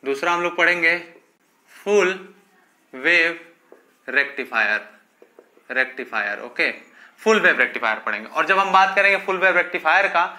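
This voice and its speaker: A male physics teacher lectures his class in a high, fast, sharp-toned voice. He calls his students children, asks questions and then answers them himself, and keeps saying okay as a filler.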